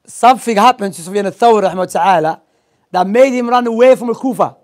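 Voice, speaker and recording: A young man with a high-pitched voice talks fast while teaching an informal Islamic lesson. The religious teacher tells stories and quizzes his listeners in non-native English dotted with Arabic words. He's in a small library room, with a gooseneck microphone right by his mouth.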